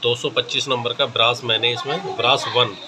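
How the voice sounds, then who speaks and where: A man teaching how to set up a keyboard tone in a casual, hesitant tutorial, often pausing with filler sounds. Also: mid-range voice, fairly even intonation. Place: indoor room with a keyboard. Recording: noisy home camera recording.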